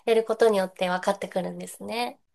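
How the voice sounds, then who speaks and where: A woman hosting a relaxed chat, asking curious questions and reacting warmly to the answers. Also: medium pitch, fast, vocal fry. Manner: curious, responsive, frequent soft backchannels. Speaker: host. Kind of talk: casual interview chat.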